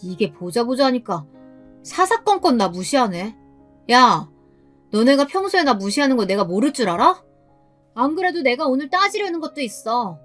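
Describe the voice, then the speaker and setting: A woman's voice: high voice, very animated, moderate pace, soft background music. A woman voicing a resentful young mother friend who confronts the others head on. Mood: resentful angry.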